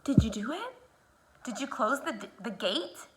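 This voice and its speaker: Here a slightly high, sing-song female voice, heard over background noise, teaches speech sounds. Her modeling is slow and exaggerated, and she coaches the learner one step at a time using easy cues.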